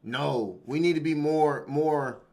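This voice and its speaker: A man's voice: a little high, slow, a little mellow. Slangy male streamer saying "bro" a lot. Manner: slangy and emphatic, says "bro" constantly. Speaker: streamer reacting to a video. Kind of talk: casual live-stream reaction chat. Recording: noisy stream audio.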